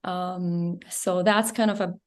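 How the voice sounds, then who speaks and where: A middle-aged woman from Russia with a Russian accent, a native Russian speaker, telling her story as an interview guest in earnest, halting English. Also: on the low side, steady tone.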